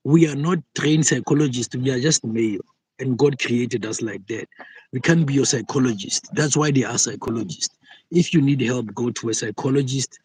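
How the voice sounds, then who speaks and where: This young South African guest has a mid-range, somewhat mellow and slightly rough voice and speaks at a moderate pace, recorded in low quality with no room sound. Calling into a casual live debate by phone video from a taxi, he's argumentative, repeats himself, and says "like" often.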